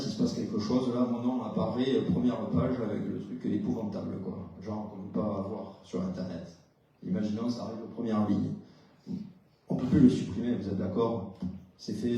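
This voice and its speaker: A man's voice: medium pitch, dark tone. A man, a psychologist, giving a conference talk, explaining step by step, putting questions to the audience and often hesitating with "euh". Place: lecture hall, indoors. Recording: very echoey hall, distant mic.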